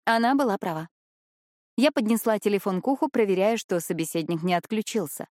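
Woman narrator, first-person audiobook, mid-pitched voice, expressive, dry close recording. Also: brisk, no echo. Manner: lively, expressive dialogue delivery. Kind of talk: first-person novel reading.

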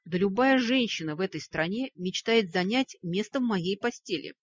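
A woman's voice: medium pitch, expressive, moderate pace, husky. A woman voicing a talking wolf, a pompous and wordy male lord under a curse, in a storybook reading. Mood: indignant. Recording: dull lo-fi recording.

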